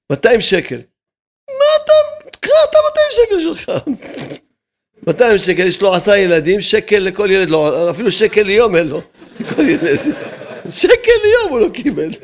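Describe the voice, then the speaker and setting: A man giving an informal religious talk as a teacher, excitable and repetitive, often laughing and leaping into high shouts. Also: vocal fry.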